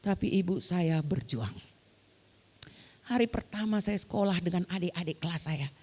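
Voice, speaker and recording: A woman pastor preaching in a church, telling stories animatedly and acting out the voices of the people she quotes. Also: normal speed. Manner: animated, acts out quoted voices with big pitch jumps. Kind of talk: sermon storytelling. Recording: long hall reverb.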